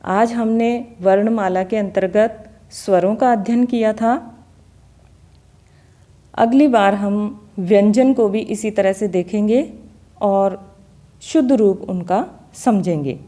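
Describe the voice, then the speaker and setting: A woman teaching a Hindi grammar lesson on vowel pronunciation, speaking deliberately and repeating example words to show each sound. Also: medium pitch, mellow.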